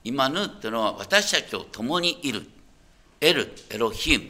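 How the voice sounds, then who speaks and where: A man's voice: mid-range voice, very animated, normal speed, bright, forceful tone. A man preaching a sermon as a pastor. He talks in a conversational way, puts questions to the listeners and often checks that they are following.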